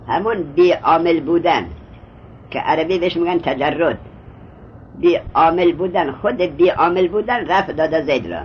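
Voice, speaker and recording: A man teaching Arabic grammar, reading lines of text slowly and explaining them step by step, often stopping to quiz his student. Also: on the high side. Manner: reads Arabic text slowly, then glosses it. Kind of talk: Arabic grammar lesson in Persian. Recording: dull lo-fi recording, faint background hiss.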